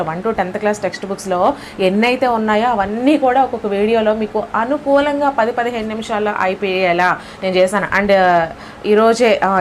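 A woman with a Telugu accent walks through exam questions in a patient step-by-step lesson, often asking "okay?". Her voice sits lower from early morning, and faint noise hums behind her. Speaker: exam prep teacher.

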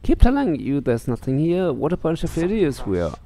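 A middle-aged-sounding man streams a let's play, reading game text aloud, muttering and swearing casually into his headset while faint game music plays. His voice runs on the high side with a warm tone, a brisk pace and wildly swooping pitch.

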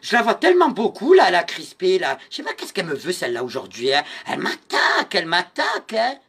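A man hosting a live-stream clothing sale, theatrically teasing and mock-insulting his viewers by name, swinging between muttering and shouting. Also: sits high, wildly swooping pitch, fairly quick, breathy edge. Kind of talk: live-selling stream chat.

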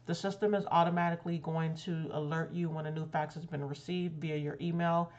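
A woman's voice: deep voice, level tone, fairly quick, a little mellow, lo-fi sound. A woman with a lisp from braces on her teeth, speaking as a consultant and channel host giving a casual recommendation. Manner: careful effort to articulate clearly.

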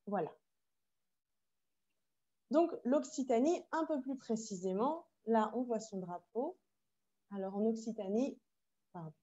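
A French woman leads an online language lesson, explaining slowly and carefully and slipping into Spanish asides for her students. Her voice sits a little high, with a soft, mellow tone. The sound is muffled, as on a video call. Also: lively intonation. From France. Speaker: French teacher.

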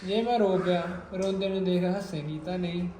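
A high-voiced man banters teasingly and recites verse. He is heard off-mic in an echoey room. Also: fairly quick, mellow. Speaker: friend of the host. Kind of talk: casual banter and poem recital.

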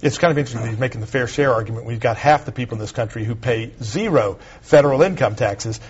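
Fast-talking man with a husky voice. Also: medium pitch, dull audio. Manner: quick, assertive partisan analysis. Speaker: conservative talk show host, panelist. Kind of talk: political panel discussion.

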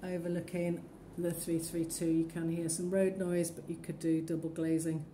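The narration of this property walkthrough comes from a woman estate agent whose lowish, dark voice holds a level tone at normal speed. She points out features of an empty, run-down townhouse in a matter-of-fact way, recorded on a handheld phone, with echoey rooms, faint ambience and a little hiss or hum.

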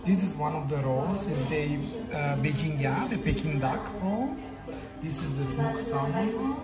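A talkative, eager man in his forties leads a food tour, chatting casually and enthusiastically as he goes. His voice is fairly high and animated, and he doesn't rush. Music plays in the background.

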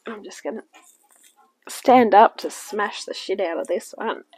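Husky and darkish in tone, this mid-range female voice moves a little slowly as she talks viewers through a recipe from her kitchen table. She's a New Zealander, chatty and reassuring, though weak from illness and coughing occasionally, and the audio is poor.

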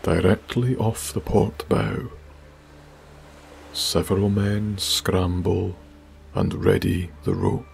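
A man narrating a bedtime sleep story in a soft, hushed, breathy manner. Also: low voice, steady tone, slow pace, long pauses, a little hiss or hum.

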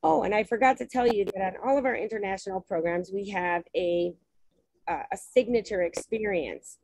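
With a mid-range, darkish voice at normal speed, a woman runs a travel webinar on a video call, sharing her screen and chatting about travel packages with many ums and restarts. The rough recording has no room sound.

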